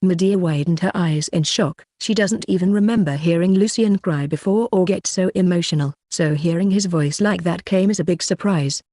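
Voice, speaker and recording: Audiobook narrator reading fan fiction, even steady pace, mid pitch, dry close mic. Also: normal speed, hardly any pauses, dry recording.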